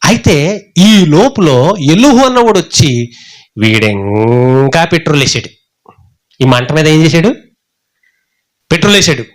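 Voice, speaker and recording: Animated male pastor preaching. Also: fairly high pitch, unhurried, long pauses. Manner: animated, asks the congregation rhetorical questions, acts out the scripture quotes. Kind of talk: Telugu Bible sermon.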